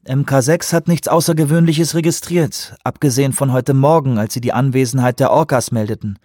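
A man's voice: medium pitch, fairly even intonation, fairly quick, a little mellow, no room sound, clean studio sound, pitched above the performer's own voice, lightly acted. A man reading an audiobook, voicing a cheeky young woman who teases her colleague. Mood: teasing. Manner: teasing, brash. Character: young woman dolphin researcher, teasing and cheeky.

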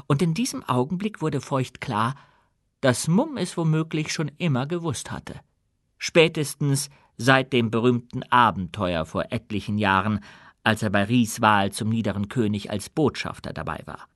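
A man narrates a fantasy audiobook in an even, measured manner. His voice is bright and clear, recorded close in a dry room. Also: medium pitch, no room sound. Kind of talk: scripted narration.

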